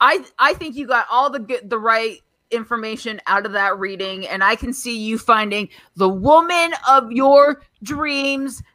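A woman's voice: fairly high pitch, a little slow, hardly any pauses, bright, forceful tone, dry recording, rough recording. A woman in her thirties hosting a crude comedy podcast, bawdy and self-mocking, giggling often. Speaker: podcast host.

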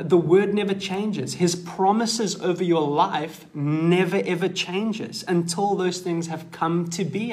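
A man preaching a sermon, earnest and measured, pausing with the odd um as he explains scripture. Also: high-pitched, a little mellow.

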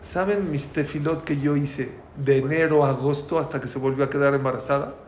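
A religious teacher, a man, tells stories to a class and puts questions to his listeners. His voice sits a little high and rings around the room. A faint hum of background noise lies under it. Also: fairly even intonation, a little fast, a little mellow, reverberant. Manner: storytelling, asks the class questions, Hebrew terms. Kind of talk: storytelling class lecture.

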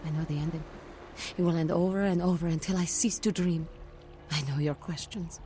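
An actress playing a cryptic, troubled seer in a video game, speaking halting, eerie prophecies in riddles. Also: female voice, low voice, steady tone, dark tone, faint music behind, natural voice. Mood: weary, ominous. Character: cryptic, troubled young female seer telling dark fortunes. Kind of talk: dramatic video game acting. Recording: noisy, with background ambience.

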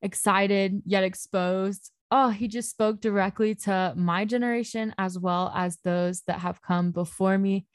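A woman's voice: medium pitch, fairly even intonation, measured pace, hardly any pauses, smooth, no room sound, clean studio sound. A woman hosting a podcast, delivering the closing outro in an enthusiastic, grateful way. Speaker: podcast host. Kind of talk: scripted show outro.

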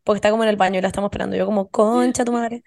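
A young woman with a Chilean Spanish accent retelling chat messages to friends on a video call, casual and animated. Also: mid-range voice, rapid-fire, vocal fry, dry recording, clean studio sound.

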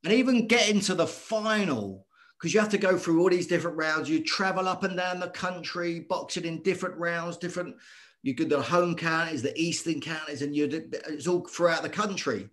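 A middle-aged man, a former boxer telling his story as a guest in earnest, animated talk that circles back on itself. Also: on the high side, moderate pace. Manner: earnest, animated, repeats himself. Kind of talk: conversational storytelling.

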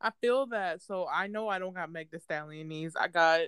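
A woman's voice: on the low side, moderate pace, fairly bright tone, smooth, no room sound. A young woman co-hosting a casual chat in a laid-back, teasing way. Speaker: podcast co-host.

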